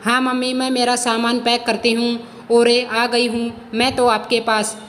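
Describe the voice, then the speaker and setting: A woman's voice: a little high, flat delivery, moderate pace, big-room sound, close to an everyday voice. A woman voicing a bitter, quarrelsome married daughter in a storybook reading, with a complaining, indignant manner.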